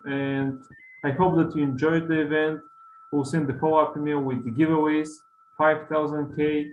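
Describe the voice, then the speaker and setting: A man with a slightly high, even voice hosts a casual online event. He reads out audience questions over thin, phone-like audio with a roomy echo. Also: normal speed. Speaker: webinar host. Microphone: makeshift setup on online call. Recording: hissy, echoey, phone-like call audio.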